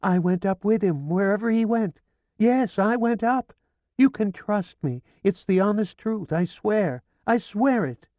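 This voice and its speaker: A reader gives voice to a grieving older woman in an audiobook, frantic and shrill as she pleads hysterically, almost screaming. The voice is expressive, unhurried and dark, close to an everyday voice, with no room sound.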